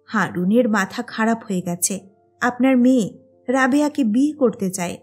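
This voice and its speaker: A stern, scornful middle-aged lady in an audio story, read by a woman narrator, pausing to lean on each word. Her voice is husky and fairly high, and faint music sits beneath it. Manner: deliberate, stressing each word.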